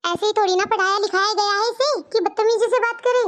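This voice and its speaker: A polite young daughter-in-law from a cartoon story, voiced by a woman. She speaks in a dutiful, pleading manner. Her cartoon voice is very high and squeaky. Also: fairly even intonation, brisk, a bit bright. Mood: scolding.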